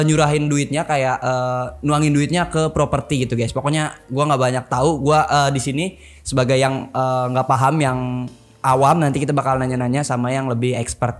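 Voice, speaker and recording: A man, hosting a casual podcast chat, slangy and full of fillers. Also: medium pitch. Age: 20s. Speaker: podcast host.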